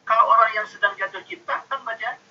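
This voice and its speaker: A man's voice: very high voice, steady tone, fast talker, highs cut off, slight background noise. A man giving an online university lecture, explaining patiently with many fillers and acting out example intonations. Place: home, online class.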